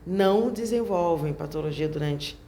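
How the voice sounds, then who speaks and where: A middle-aged woman with a southern Brazilian accent, a speech therapist speaking as an interview guest, emphatic and animated, acting out the phrases she quotes. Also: lowish voice, normal speed, a little hiss or hum. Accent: southern Brazilian Portuguese.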